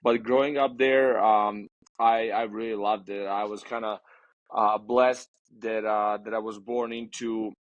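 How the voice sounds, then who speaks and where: A man's voice: fairly low pitch, level tone, measured pace, no echo, highs cut off. A man from Serbia, talking as a guest in a casual interview, hesitant with many fillers and restarts.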